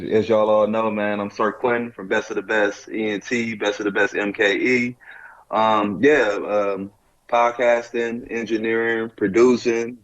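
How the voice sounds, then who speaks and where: A man's voice: on the low side, lo-fi sound. A man being interviewed as a guest, talking about his podcasting and producing work in a laid-back, hesitant way. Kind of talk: casual interview chat.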